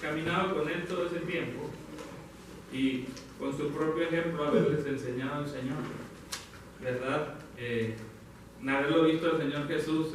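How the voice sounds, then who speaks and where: A man preaching a sermon, talking warmly to the congregation as brothers and sisters, pausing and correcting himself as he goes. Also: a little high, a little hiss or hum. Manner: addresses listeners as brothers, halting with self-corrections. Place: church hall. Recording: very echoey hall, from far off.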